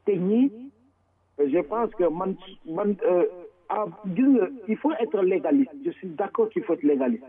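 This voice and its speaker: Senegalese guy fired up about politics, high-ish voice, sounds like a phone call, keeps mixing wolof and french. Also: expressive, measured pace. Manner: switches between Wolof and French mid-sentence; forceful and emphatic, repeating words. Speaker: commentator. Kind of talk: political commentary. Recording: tinny phone-line sound.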